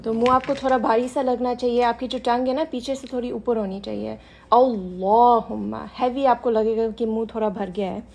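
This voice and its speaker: Woman teaching a class, patient, repeats stuff slowly, bit of hiss behind. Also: a little high, steady tone, a little mellow. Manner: patient, mixes Hindi-Urdu with English, repeats examples slowly. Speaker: Quran recitation teacher. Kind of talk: class lesson.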